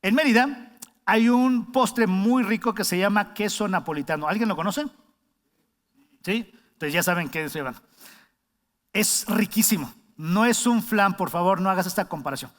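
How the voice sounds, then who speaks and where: High-voiced pastor in a reverberant hall. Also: male voice, moderate pace, pauses often. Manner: conversational, asks the congregation questions, acts out shouted warnings. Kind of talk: sermon.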